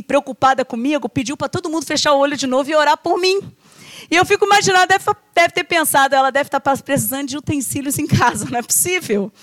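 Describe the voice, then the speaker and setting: A middle-aged Brazilian woman preaching, her voice pitched high and bright. She tells stories from home with lively energy and acts out the voices in them. The sound is dry and close. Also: dry recording. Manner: lively, acts out quoted voices, often addresses "irmão". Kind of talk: sermon with personal storytelling.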